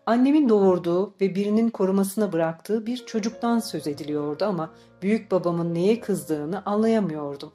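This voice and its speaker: A woman narrating an audiobook in a calm, measured storytelling voice. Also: mid-range voice, faint music behind. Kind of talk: scripted narration.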